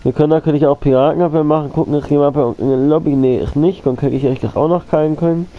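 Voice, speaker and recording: A gaming channel host with a slightly high voice and fairly even intonation talks fast over phone-quality sound. He has a cold and coughs occasionally while rambling casually about his gameplay, repeating himself and addressing viewers as his friends.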